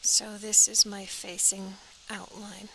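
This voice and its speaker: A woman's voice: mid-range voice, little pitch movement, slow pace, vocal fry, sharp tone, slight background noise, poor audio. A woman teaching a step-by-step sewing pattern drafting tutorial, practical and talking as she works, often dropping to an airy half-whisper.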